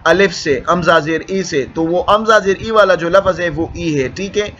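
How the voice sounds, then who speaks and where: A man's voice: high-pitched, moderate pace, fairly bright tone. A man teaches English letter sounds in a classroom-style lesson, explaining patiently and repeating himself often. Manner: patient, repetitive explaining with frequent "theek hai". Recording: dull lo-fi with faint background noise.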